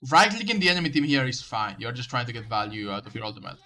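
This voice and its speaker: A man's voice: mid-range voice, very animated, fast talker, sharp tone. A man reviewing someone's game footage, coaching them in casual commentary, often stumbling and restarting his sentences. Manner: coaching, direct advice.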